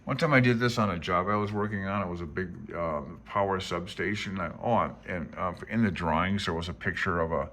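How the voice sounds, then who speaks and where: A man in his sixties, an amateur radio hobbyist, pages through a handbook while rambling casually and reminiscing as he thinks aloud. His low voice has a fairly bright tone, and he talks fairly quickly with hardly any pauses.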